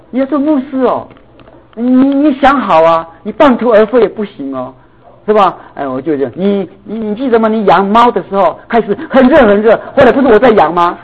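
A middle-aged man preaching a sermon, telling a family story in an animated way and mixing English words into his talk. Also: sits high, breathy edge. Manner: animated, acts out dialogue, mixes in English words. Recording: tinny phone-like sound.

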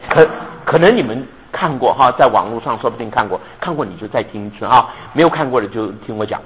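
A man preaching a sermon, telling a story in an animated way, often asking listeners if they understand and mixing English words into his speech. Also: mid-range voice, fast talker, narrow, tinny audio. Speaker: pastor.

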